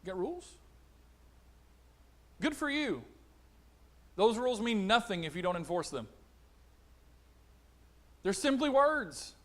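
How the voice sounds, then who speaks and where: A middle-aged man preaching a conversational sermon, animated, acting out little exchanges. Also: high voice, slow, long pauses. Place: church auditorium.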